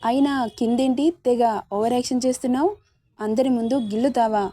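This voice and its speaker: A woman's voice: on the high side, fairly even intonation, fairly quick, dark tone, no room sound, clean studio sound, lightly acted. A woman voicing a spirited, feisty young wife who talks back playfully, in a romance story reading.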